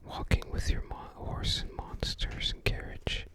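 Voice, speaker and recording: Browsing through a book, an ASMR host thinks aloud in brief, casual fragments, her breathy whisper completely unvoiced. She takes her time.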